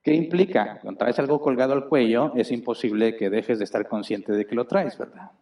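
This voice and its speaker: Warm-voiced pastor, heard from afar. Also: male voice, mid-range voice, a little fast, recorded from a distance. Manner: chatty and explanatory, tags points with rhetorical questions. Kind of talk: conversational sermon. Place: church auditorium.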